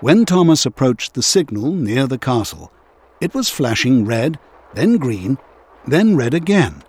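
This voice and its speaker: A man reads a scripted children's story aloud in a mid-range, slightly rough voice. His delivery is expressive and measured, in a storytelling style.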